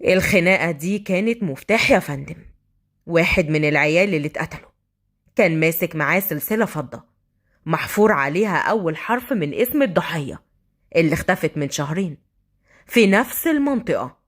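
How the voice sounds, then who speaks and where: A woman voicing a brooding young male street thug with an Egyptian accent, speaking slowly and in a hushed, menacing way. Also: low voice, animated, pitched below the performer's own voice. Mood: urgent.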